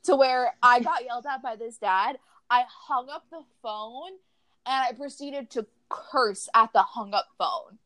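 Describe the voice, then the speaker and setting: A young woman co-hosting a casual podcast, telling stories in an animated way and acting out the voices of the people in them. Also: a little high, a little slow. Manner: animated storyteller, acts out quoted voices. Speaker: podcast co-host.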